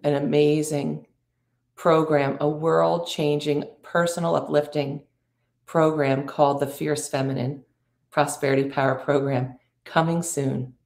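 A middle-aged woman hosting an inspirational talk, speaking in slow, drawn-out, reflective phrases and inviting the listener to breathe. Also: deep voice, creaky, reverberant. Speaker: podcast host and spiritual coach.

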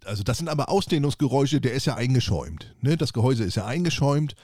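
A man's voice: mid-range voice, animated, fast talker, darkish tone, dry recording, clean studio sound. A man co-hosting a casual podcast, telling rambling anecdotes from his service job and acting out both sides of the dialogue. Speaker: podcast co-host, appliance service technician. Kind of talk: casual chat, storytelling.

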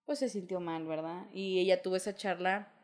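A woman's voice: lowish voice, fairly even intonation, moderate pace, darkish tone. A young woman with a Mexican Spanish accent, co-hosting a casual chat and telling candid, slangy stories about her family.

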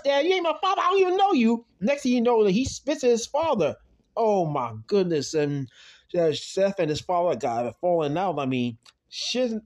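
Man, podcast host, casual TV recap, rambling, heavy fillers, middle pitch. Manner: speaks openly about his own late father, quiet and subdued.

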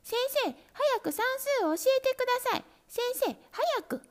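A woman voicing a chorus of clever, greedy little kittens in a storybook, shouting high and quick. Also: very animated. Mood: gleeful. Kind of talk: storybook reading.

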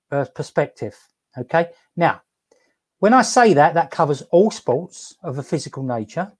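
A man hosts a casual live stream, upbeat and laughing often, his voice a little high. He talks haltingly with plenty of fillers and restarts, checking in with listeners by asking "okay?"

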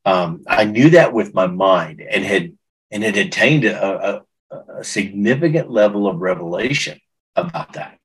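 A man's voice: fairly low pitch, lively intonation, unhurried, husky, low-quality recording. A middle-aged man recounting a personal testimony in an interview, earnest and emotional, often restarting his sentences. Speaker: guest.

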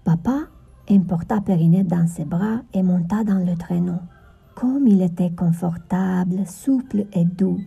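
A woman narrating a children's Christmas story in a gentle storytelling manner. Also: lowish voice, measured pace, creaky, slightly rough, soft background music.

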